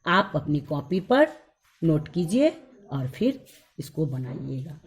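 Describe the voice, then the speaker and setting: A woman schoolteacher giving a grammar lesson to young children, slowly repeating each rule and example and speaking fondly to her pupils. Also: low-pitched, very animated. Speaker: school teacher.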